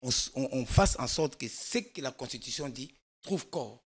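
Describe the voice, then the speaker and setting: A medium-pitched, expressive voice with a breathy edge belongs to a Congolese man speaking at a moderate pace. He's a guest expert in a studio political discussion, offering lengthy, emphatic explanations and frequently starting over.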